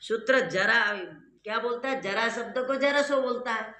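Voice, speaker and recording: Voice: medium pitch, normal speed, sharp tone. A grammar teacher giving a classroom lecture, explaining step by step and quizzing the students. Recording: echoey room.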